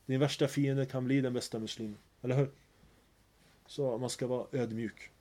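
A man's voice: medium pitch, steady tone, dark tone. A man giving an earnest religious lecture, telling stories and mixing in phrases. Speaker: preacher.

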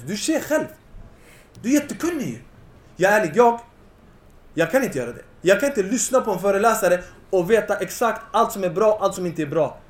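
A young man giving an impassioned Islamic lecture to a young audience, at times rising nearly to a shout. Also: high-pitched, reverberant.

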